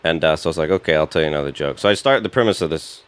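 A man's voice: rumbling low, very fast, smooth, no echo. A man, a stand-up comedian, chatting casually and telling a story, acting out the lines of the people in it. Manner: storytelling, acts out quotes. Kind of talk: casual chat.

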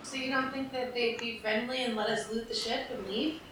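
Female game player, high pitch, casual chat, very echoey and slightly off-mic. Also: steady tone, fairly quick, noisy background. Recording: echoey room, distant from mic, music.

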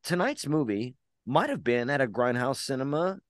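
Loud cussing podcast guy on a video call, mid voice, dry sound. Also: mid-range voice, big pitch swings, normal speed, dry recording. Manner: profane, boisterous bragging. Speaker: podcast host. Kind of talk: casual chat.

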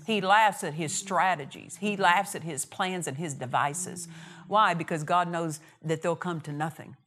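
A woman's voice: fairly low pitch, a little slow, a bit bright. Woman preaching with emphatic repetition. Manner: emphatic, repeats key phrases, acts out quoted dialogue. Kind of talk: sermon.

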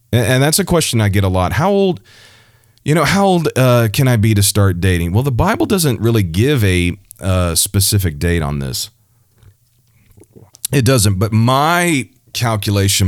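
A man with a very low voice talks earnestly about dating and faith, in a loose conversational way full of fillers and restarts. The recording is dry and close, with no room sound. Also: darkish tone, clean tone, no echo. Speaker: pastor giving dating advice. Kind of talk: casual religious advice talk.

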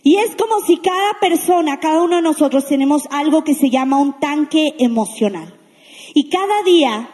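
A woman preaching to young people, lively and questioning the audience, acting out little quotes as she goes. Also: high voice, long reverb tail. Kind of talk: sermon to a youth congregation.

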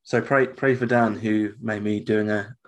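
Casual British male co-host, lowish pitch, sounding ropey with tonsillitis. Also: steady tone, measured pace. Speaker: podcast co-host. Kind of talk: casual chat.

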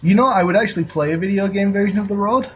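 A man's voice: sits high, racing, slightly rough, highs cut off. A man co-hosting a podcast, chatting casually with dry, sarcastic quips and trailing off mid-sentence. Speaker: podcast co-host. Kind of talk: casual chat with dry jokes.

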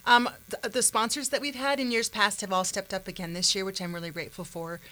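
A woman's voice: mid-range voice, steady tone, fast talker, sharp tone, poor audio. A woman guest from a nonprofit, earnest and grateful, speaking with frequent fillers. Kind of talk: casual chat.

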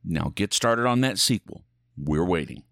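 A man hosting a show in the manner of a spooky ride narrator, with scripted, theatrical patter, tongue-in-cheek showmanship and drawn-out emphasis. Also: low-pitched, lively intonation, vocal fry. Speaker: host of a spooky show styled as a dark ride.

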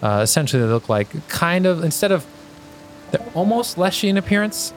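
A man's voice: sits high, very animated, fairly quick, slight background noise. A man running a tabletop role-playing game as game master, describing scenes in a conversational, improvised way. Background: music and rain sounds.

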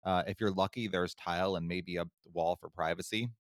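A man's voice: deep voice, fairly even intonation, a little fast, dry recording, clean studio sound. A man casually retelling a spooky true story as a podcast co-host, with wry, sarcastic asides.

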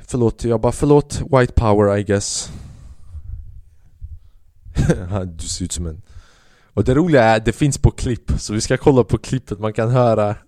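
A young man telling a self-mocking story on his podcast, animated and swearing freely, dropping in English phrases. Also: mid-range voice, no room sound, clean studio sound. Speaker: podcast host. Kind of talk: casual storytelling monologue.

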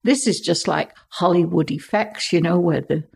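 An older woman from England, a podcast guest, telling vivid childhood stories expressively and hushing her voice for suspense. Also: lowish voice, moderate pace, creaky, breathy edge. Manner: expressive, dropping to hushed tones for suspense.

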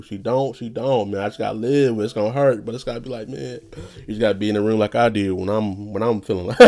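A young man with a medium-pitched, darkish, slightly nasal voice rambles through a loose, profane, casual monologue, laughing often.

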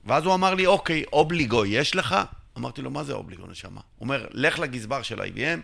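With a mid-range voice and vocal fry, a middle-aged man from Israel recounts his business journey in an interview. He performs both parties in every dialogue, at times shouting.

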